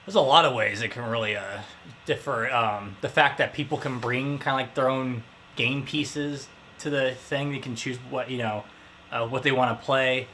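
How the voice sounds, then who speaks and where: A man in his thirties answers interview questions in a loose, casual way. His voice is bright, with faint ambience in the background. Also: medium pitch, steady tone, moderate pace, slight background noise. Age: 30s. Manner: casual, loose phrasing with fillers. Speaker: interviewee, grocery store worker.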